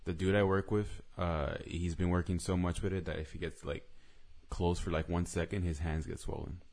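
A man's voice: deep voice, fairly even intonation, moderate pace, darkish tone. A man co-hosting a podcast in casual chat, tired and swearing often, laughing between filler words. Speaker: podcast co-host.

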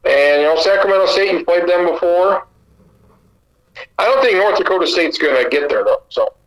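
Opinionated man, slightly high voice. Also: lively intonation, moderate pace, poor audio. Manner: opinionated, talks in long runs. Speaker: podcast co-host. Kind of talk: casual sports chat.

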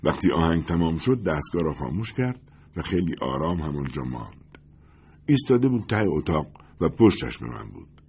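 A man narrating a first-person story as an audiobook in a measured, quiet manner. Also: deep voice, big pitch swings, creaky, breathy edge.

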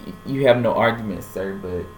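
A man's voice: fairly low pitch, a little fast, a little hiss or hum. Jokey male co-host in an echoey room. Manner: jokey, playful. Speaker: music news co-host. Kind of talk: casual chat.

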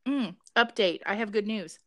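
A woman's voice: medium pitch, normal speed, a bit bright, no echo, studio quality. A young woman co-hosting a casual podcast, cracking crude jokes and telling rambling stories. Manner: crude, joking, storytelling. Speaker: podcast co-host.

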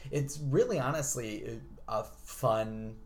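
A man's voice: mid-range voice, takes it slowly. A man chatting casually as a podcast co-host, laughing easily and acting out quotes. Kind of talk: casual chat.

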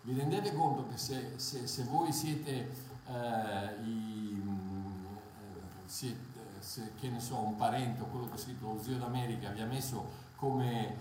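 A man preaching a Bible sermon, impassioned and emphatic, repeating key phrases and pausing on hesitant fillers. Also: lowish voice, steady tone, darkish tone. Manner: impassioned, emphatic repetition, halting fillers and restarts. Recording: very echoey room, faint noise.

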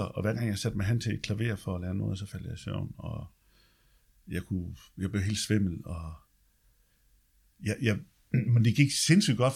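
In a gravelly, darkish, slightly rough bass, a man chats casually through the story of his life. He swears every so often and ends sentences with quick check-ins.

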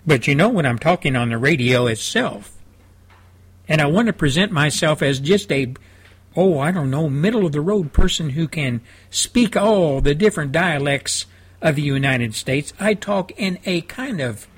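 A man from South Texas hosting a talk radio show from his studio, rambling through a folksy monologue in a fairly even, drawling voice with homespun asides. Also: fairly high pitch, normal speed, breathy edge.

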